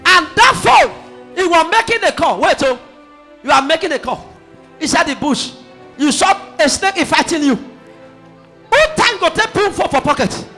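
A man preaching in a very high, bright voice, shouting emphatic lines to a responding congregation. Music runs under his voice. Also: expressive, moderate pace, long pauses. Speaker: pastor. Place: church hall with congregation. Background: music and loud congregation.

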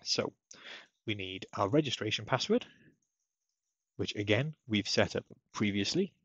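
A technical support tutorial presenter with a fairly low, husky voice walks through software setup, explaining each step methodically. He's expressive and measured in pace. The recording is dry, and the voice-over sounds slightly muffled.

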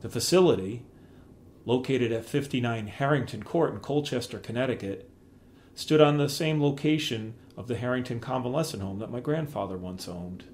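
A middle-aged man reading aloud from his own memoir in a plain, measured storytelling way. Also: medium pitch, darkish tone, a little hiss or hum.

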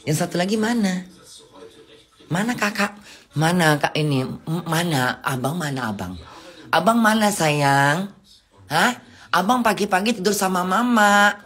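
Grumbling woman vlogger. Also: lowish voice. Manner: grumbling, scolding, cooing at her cats. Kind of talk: casual monologue to camera and her cats. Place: at home during rain.

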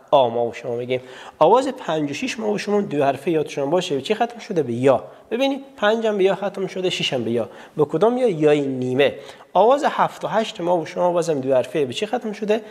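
A man's voice: a little high, very animated, a little mellow, long reverb tail. A man with an Afghan Dari accent teaching a televised literacy lesson, asking his students questions and answering them himself, and drawing out vowel sounds in repeated drills. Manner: addresses students directly, asks and answers his own questions.

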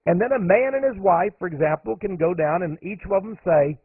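Slightly rough and high-pitched, this radio host's voice moves fairly quickly as he gives an emphatic monologue, rising sharply wherever he leans on a point. The recording is dry and has the narrow, phone-like quality of radio.

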